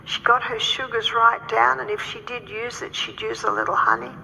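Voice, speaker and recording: A woman health educator telling stories in a lecture, animated and acting out the people she quotes. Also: fairly high pitch, moderate pace, vocal fry. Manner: animated, acts out quoted speakers. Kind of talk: storytelling lecture. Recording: reverberant hall with faint noise.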